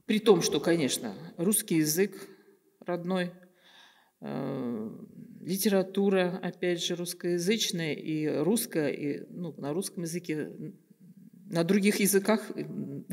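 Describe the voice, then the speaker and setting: Seated at a table in a bright, plant-filled room, a Kazakh guest artist in her older years gives thoughtful interview answers full of pauses and hesitant fillers. Her voice is lowish and darkish in tone, picked up by a stand-mounted table microphone in a roomy room with plenty of reverb.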